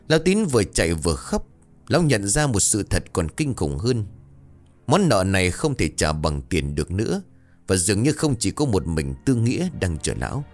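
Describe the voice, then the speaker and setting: A man narrating a ghost story in a dramatic, mournful way. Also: lowish voice. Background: faint music.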